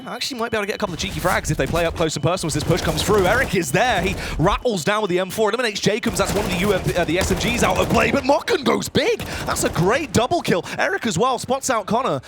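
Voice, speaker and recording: A man doing excitable play-by-play as an esports caster, with dramatic, punchy phrasing full of fighting slang. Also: high voice, fast talker, hardly any pauses, background noise. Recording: gunfire and clicks over the voice. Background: video game gunfire and clicks.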